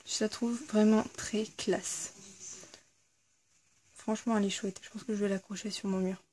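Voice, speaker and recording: A YouTuber reviewing a subscription box chats casually through an unboxing video in a mid-range, slightly mellow voice with little pitch movement and normal speed. She sounds hesitant, using lots of fillers and correcting herself.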